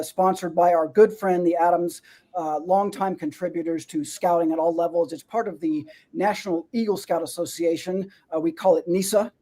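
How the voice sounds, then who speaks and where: A man's voice: high voice, warm tone. A man co-hosting a show, explaining things at length in a rambling way with many fillers. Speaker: co-host.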